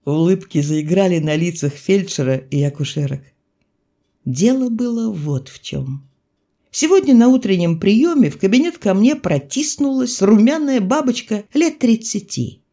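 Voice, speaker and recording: A woman narrates a literary audiobook. Her voice moves widely and expressively across the pitch range. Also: lively intonation, normal speed, dark tone. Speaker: audiobook reader.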